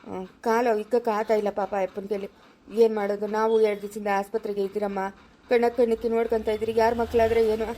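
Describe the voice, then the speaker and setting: A resigned village aunt, played by a woman in a family drama, with a rural Chikkaballapura Kannada accent. She talks fast in a mellow, fairly high voice, soothing and deferring to the mourner. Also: little pitch movement, a little hiss or hum, natural voice. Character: calm middle-aged female relative arranging a burial.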